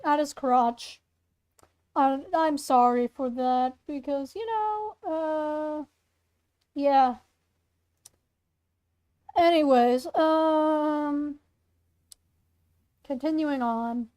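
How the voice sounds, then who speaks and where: The reading is very slow and full of pauses as this young woman, a storyteller and content creator, goes through her own story aloud. Her high, slightly mellow voice wanders and self-corrects in a casual, chatty manner.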